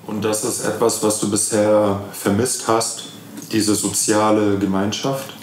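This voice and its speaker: A man hosting a podcast, reading a welcome and asking the guest questions in a smooth, welcoming way. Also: lowish voice, little pitch movement, measured pace, a little hiss or hum. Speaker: podcast host. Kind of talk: scripted podcast intro.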